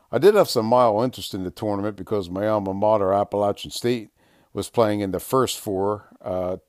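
An older man hosting a casual sports podcast, talking in a relaxed, rambling way with lots of "uh" fillers. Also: fairly low pitch, no room sound, studio quality. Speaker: podcast host.

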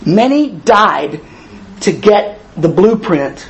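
His voice sits high and carries vocal fry, and though he takes things slowly, he is very animated. The man, in his fifties, wheezes from a past tracheotomy as he gives a conversational sermon, driving home repeated phrases and asking his congregation questions.

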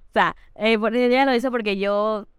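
A young woman with a Panamanian Spanish accent tells a travel story on a casual podcast. Her voice is very smooth and clear, recorded close and dry. She talks in quick bursts, often restarting her words. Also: fairly high pitch, fairly even intonation, dry recording. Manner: chatty storyteller, halting restarts. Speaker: podcast co-host. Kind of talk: casual chat.

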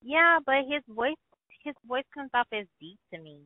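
A woman's voice: sits high, animated, moderate pace, no room sound. A woman co-hosting a casual book podcast, giving brief, dry replies. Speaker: podcast co-host. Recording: tinny phone-like dry audio.

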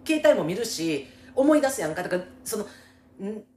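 A woman's voice: mid-range voice, big pitch swings, normal speed, a little mellow. A woman with a Kansai accent chatting casually as a co-host giving advice, empathetic and emphatic, often chiming in with agreement. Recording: echoey room with faint background noise.

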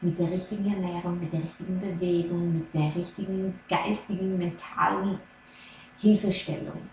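A woman coaching on Ayurveda, talking gently and earnestly straight to the listener. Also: fairly low pitch, steady tone, moderate pace, a little hiss or hum. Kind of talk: slow advice talk to viewer. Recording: very echoey room, faint ambience.

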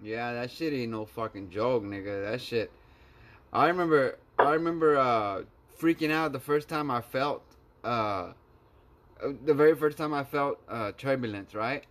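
A man's voice: mid-range voice, moderate pace, fairly bright tone. A man telling stories in casual chat, slangy and full of swearing.

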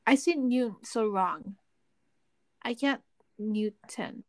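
A young woman co-hosts a casual podcast, her voice sitting a little high. She jokes crudely and swears freely, and the sound is dry and close with no room echo. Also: moderate pace. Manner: crude, joking, swears a lot. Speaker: podcast co-host. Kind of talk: casual chat.

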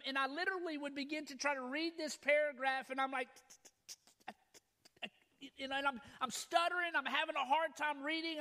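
Very high-voiced man preaching testimony. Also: a bit bright. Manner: earnest storytelling with frequent repeated words. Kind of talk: personal testimony sermon.

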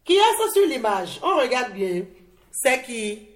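High-pitched lady teacher walking little kids through a lesson, takes her time, encouraging. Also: sing-song. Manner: slow, deliberate, encouraging teacher talk to young pupils. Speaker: primary school teacher. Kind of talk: televised classroom lesson. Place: studio set up as a classroom.

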